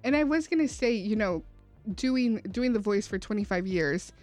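A woman's voice: medium pitch, lively intonation, normal speed, darkish tone, faint music behind. A woman hosting a casual radio interview from a studio. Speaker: radio host.

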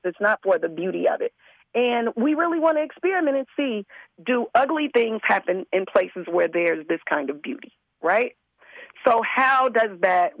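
A hoarse woman who is under the weather, speaking as a community organizer in an earnest, repetitive casual interview manner. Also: medium pitch, dry recording, narrow, tinny audio. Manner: earnest, repeats words as she talks.

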